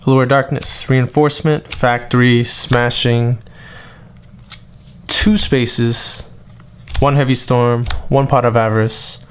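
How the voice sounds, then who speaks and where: A young man from New England gives a frustrated monologue, complaining at length and then reading out a list of cards in a flat voice. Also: mid-range voice, takes it slowly, clean tone. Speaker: card game vlogger. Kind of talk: monologue rant and tournament report.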